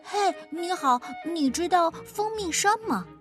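A woman voicing a big hungry bear in a storybook read-aloud, with a drawn-out, moaning delivery. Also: very high-pitched, animated, faint music behind.

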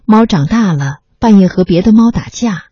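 A narrator calmly reading a memoir aloud, in a measured storytelling manner. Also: mid-range voice, husky, dry recording. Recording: slightly muffled recording with faint music.

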